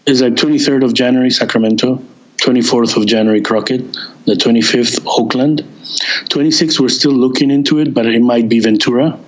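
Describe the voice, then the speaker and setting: A man guesting on an interview as a touring band member, telling stories in a halting way with many restarts and searches for words. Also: mid-range voice, fairly even intonation, muffled recording. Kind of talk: casual interview chat.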